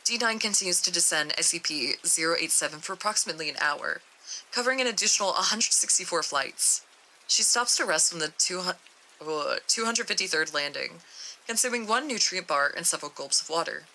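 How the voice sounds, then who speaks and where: A young woman streamer reading a horror article aloud, steady with small stumbles. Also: fairly low pitch, brisk, slight background noise, rough recording.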